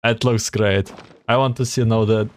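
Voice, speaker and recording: A game streamer giving casual playthrough commentary and reading text aloud, a little haltingly. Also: medium pitch, steady tone, slight background noise.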